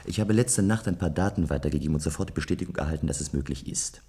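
In a German science-fiction radio play, an actor portrays a restless man from a future society who yearns for adventure, musing in a deliberate way. His voice rumbles low with a warm, breathy edge, and he sounds proud and eager.

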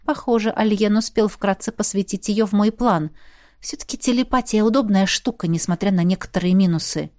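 A woman reading a first-person fantasy audiobook in a lively, expressive way. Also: medium pitch, brisk, no echo, studio quality. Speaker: audiobook narrator.

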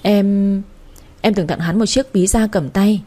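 A woman gives voice to a weeping young man in a storybook reading; he is heartbroken, tearful, stammering, whimpering and hurried. Her warm voice is medium in pitch and only lightly acted.

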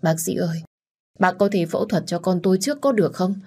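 A woman's voice: lowish voice, expressive, fast talker, darkish tone, husky. A woman voicing a poor, hardworking uncle who pleads anxiously for his son. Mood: pleading. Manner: pleading, worried.

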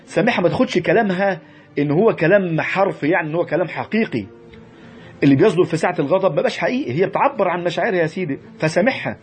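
Fast-talking Egyptian man lecturing. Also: high voice, faint music behind. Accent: Egyptian Arabic. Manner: lively, repeats and restarts words, animated asides to the audience. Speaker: marriage lecturer. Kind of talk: religious marriage lecture to a class.

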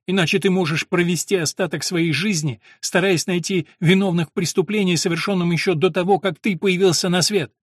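A man's voice: high voice, steady tone, brisk, hardly any pauses, breathy edge, no room sound, clean studio sound, pitched above the performer's own voice. A man putting on a weary, fierce mother. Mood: pleading. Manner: tired, irritated, breaking into shouts. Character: Ellen, strong, weary mother, woman.

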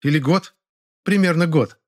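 A man's voice: fairly high pitch, normal speed, voice pushed up, lightly acted. A man reading an audiobook, voicing a gossipy middle-aged woman neighbor who tattles with glee. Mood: tattling. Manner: tattling, gloating.

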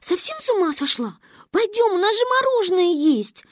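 Lady putting on a squeaky loud little girl, pushy, keeps exclaiming, way high, super dry recording. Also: sing-song, moderate pace, no echo. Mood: insistent. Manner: shrill, insistent, exclaiming.

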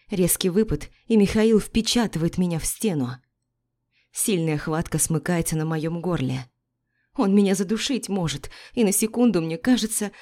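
A woman's voice: fairly low pitch, mellow. A woman reading a first-person romance novel aloud, dramatic and emotional. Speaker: audiobook narrator.

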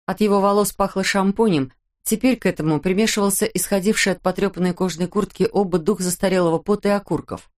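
This is scripted audiobook narration by a woman with a medium-pitched voice. She tells the story in an even, measured way.

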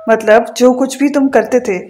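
A woman's voice: fairly high pitch, fairly even intonation, darkish tone, faint music behind, natural voice. A woman reading the part of a young wife who is hurt and reproachful toward her husband. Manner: wounded and reproachful.

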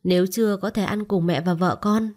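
A woman's voice: mid-range voice, steady tone, a little fast, darkish tone, lightly acted. A woman voicing a bossy middle-aged mother in an audio story. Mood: scolding. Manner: scolding, motherly.

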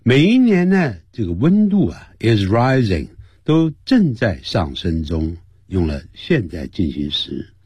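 A man teaching English on a radio lesson, explaining grammar and repeating pronunciations slowly, word by word. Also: slightly rough, no echo. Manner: lively, swooping pitch. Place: radio studio.

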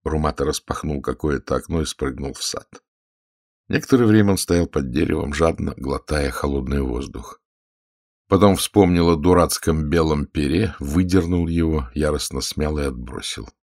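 Male audiobook reader, very low voice, gravelly, measured pace, dry studio sound. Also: a little mellow, no echo. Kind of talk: audiobook narration.

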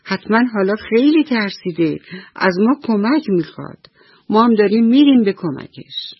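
A woman's voice: mid-range voice, animated, slightly rough, no room sound, lo-fi sound. A woman voicing a group of small helpful insects in a bedtime radio story, speaking in an urgent, earnest way. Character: small helpful insects, ant, beetle and spider, hurried.

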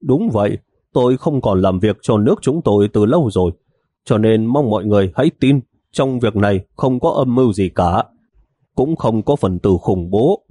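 A man's voice: on the low side, expressive, normal speed, warm tone, no room sound. A man voicing a sheepish male double agent who pleads his case in a raised tone.

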